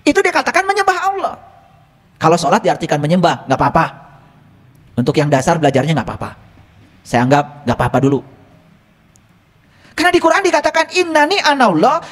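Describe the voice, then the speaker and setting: A man's voice: very high voice, fairly bright tone. A male religious teacher gives a teaching lecture, teasing his listeners with rhetorical questions. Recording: long reverb from a hall.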